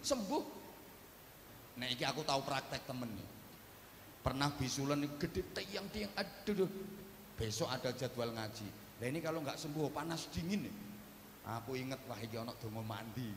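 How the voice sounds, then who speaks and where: A man's voice: medium pitch, a little hiss or hum. A man with an East Javanese accent giving a humorous sermon at an outdoor village gathering, telling jokey stories and chanting short prayers. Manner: joking storyteller, mixes chanted prayers in. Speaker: Islamic preacher. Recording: echoey outdoor PA with long reverb.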